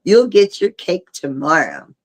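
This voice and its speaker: A woman's voice: on the low side, wildly swooping pitch, measured pace. A woman voicing a cheerful, practical young woman detective in a storybook reading. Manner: cheerful, matter-of-fact.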